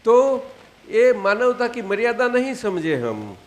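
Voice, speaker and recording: An elderly man in his eighties with a Gujarati accent teaches his disciples at a satsang. His voice is high and gravelly, his pitch rises and falls with lively swings, and he speaks slowly, repeating himself and asking if they follow. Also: a little hiss or hum. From Gujarat, India. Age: 80s. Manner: unhurried, repeats phrases and checks understanding. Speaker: spiritual teacher. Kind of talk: spiritual discourse to disciples. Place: satsang gathering hall.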